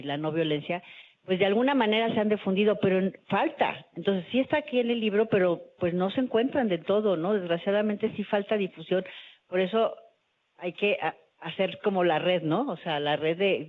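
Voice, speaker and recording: A man on a panel answering a question in a conversational, repetitive way. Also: high-pitched. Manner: conversational, repeats himself. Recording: tinny phone-like audio.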